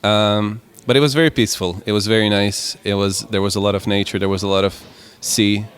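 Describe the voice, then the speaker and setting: A young man in his twenties from Croatia, answering interview questions in a relaxed, rambling way. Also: lowish voice, a little fast. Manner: relaxed, rambling with many "like" and "kind of" fillers. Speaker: musician guest.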